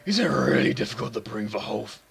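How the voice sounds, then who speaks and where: A man doing a cold, deep demon voice. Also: big pitch swings, quick pace, creaky, music in the background, exaggerated voice. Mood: cold, muttering. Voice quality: low demon-like voice. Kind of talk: voicing a character in a game let's play.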